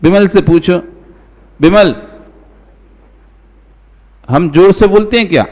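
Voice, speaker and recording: A monk delivers a sermon in a high, light voice. He keeps it conversational, putting rhetorical questions to the listeners and calling on them by name. His voice rings out with a long reverb, as in a large hall. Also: slow, a little mellow. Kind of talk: devotional sermon.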